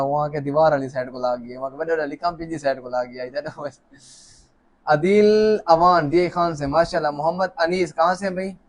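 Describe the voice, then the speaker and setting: Seated alone at a camera in an office, a man with a slightly high voice hosts a live lucky draw. He keeps things loose and jokey, greeting viewers warmly while calling out names during the casual stream.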